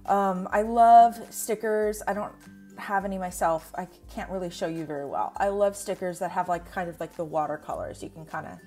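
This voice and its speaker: A woman's voice: fairly low pitch, moderate pace, mellow, faint music behind. A young woman vlogging at home, chatting casually through a product review with lots of fillers. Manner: chatty, rambling with many fillers. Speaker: planner vlogger. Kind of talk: casual screen-share review. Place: indoors at home.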